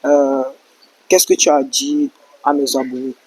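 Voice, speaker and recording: A man's voice: mid-range voice, level tone, unhurried, slightly rough, low-quality recording. A man hosting an interview who talks reassuringly and addresses viewers directly. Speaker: YouTube channel host.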